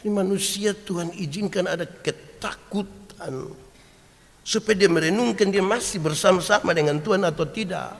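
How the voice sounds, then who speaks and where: A man preaching a sermon, animated and storytelling, swinging from loud acted quotes to hushed asides and asking the congregation questions. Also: high-pitched, moderate pace, vocal fry. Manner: homely storytelling with humor and rhetorical questions. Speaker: pastor. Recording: long hall reverb.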